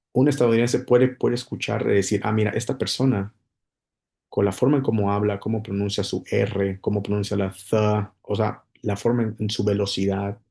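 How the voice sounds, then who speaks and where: Gravelly low-voiced man teaching. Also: dark tone. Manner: explains patiently with repetitions and restarts. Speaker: English teacher. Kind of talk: casual spoken lesson.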